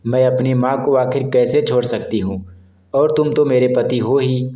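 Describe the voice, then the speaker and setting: A man's voice: medium pitch, fairly even intonation, moderate pace, warm tone, close to an everyday voice. A man voicing an upset young wife who argues and pleads with her husband in a narrated story. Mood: indignant. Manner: pleading, indignant. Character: upset young wife, defensive then remorseful. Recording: roomy echo.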